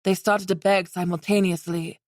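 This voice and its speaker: A woman reading a fantasy romance audiobook in steady scripted narration. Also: fairly low pitch, normal speed, no echo, studio quality.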